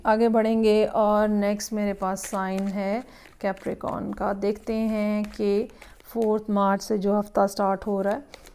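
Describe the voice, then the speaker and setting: A woman's voice: mid-range voice, warm tone, smooth. A woman giving a weekly tarot horoscope reading, musing aloud and slipping English phrases into her talk. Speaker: tarot reader.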